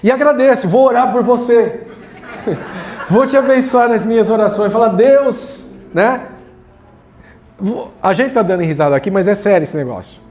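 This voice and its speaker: A man's voice: high voice, expressive, normal speed, pauses often, darkish tone, slight background noise. A man preaching a sermon as pastor, casual and joking, talking straight to the congregation. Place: church hall.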